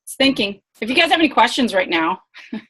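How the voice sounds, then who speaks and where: Her voice fairly high, bright and a little breathy, with big pitch swings and a brisk pace, a woman presents a casual live online sales training as team leader on a computer mic. She begins flustered and apologetic, cursing under her breath, then becomes talkative and supportive.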